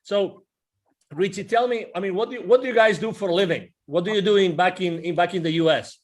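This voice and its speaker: Eager and enthusiastic, a man in his forties talks quickly in a high-pitched voice while hosting a casual interview over video call. He uses a wired earphone mic indoors against a virtual backdrop, talks with his hands, and keeps restarting his sentences.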